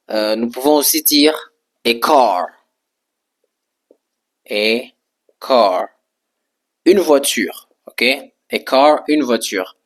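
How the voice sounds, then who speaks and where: A man teaching English in French at a board, repeating and spelling out each word patiently, often pausing with hesitations. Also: mid-range voice. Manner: slow, patient, repeats words and spells them out; frequent hesitations with "euh". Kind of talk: French-language English lesson at a whiteboard.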